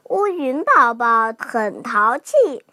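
A woman telling a bedtime story for small children, gentle and sing-song. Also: on the high side, big pitch swings, slow pace, no room sound, clean studio sound.

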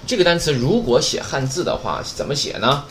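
A man's voice: mid-range voice, big pitch swings, brisk, fairly bright tone. A man teaching a Japanese vocabulary lesson, chatty and joking, often asking rhetorical questions. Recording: roomy echo, faint background noise.

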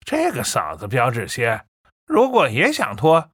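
A woman's voice: rumbling low, huge pitch swings, a little slow, husky, no room sound, studio quality, voice pushed down, heavily acted. A woman voicing a sneering street thug. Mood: jeering. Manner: sneering, jeering. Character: crooked-headed male street thug, mocking. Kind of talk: audiobook character voice.

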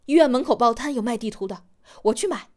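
A woman voicing a helpful young female nurse who is quick to offer assistance, in an audiobook. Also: a little high, lively intonation, lightly acted. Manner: obliging, eager.

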